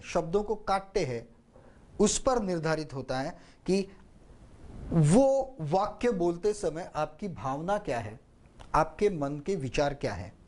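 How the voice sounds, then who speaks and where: A man teaching a spoken lesson on public speaking, deliberately demonstrating how stress on different words changes meaning. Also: a little high. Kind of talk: spoken lesson on speech emphasis.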